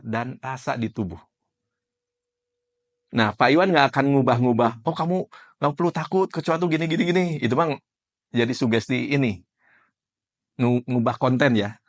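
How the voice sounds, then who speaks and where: A man with a mid-range voice gives a conversational classroom lecture as an NLP trainer. He quizzes participants by name and explains ideas with everyday examples.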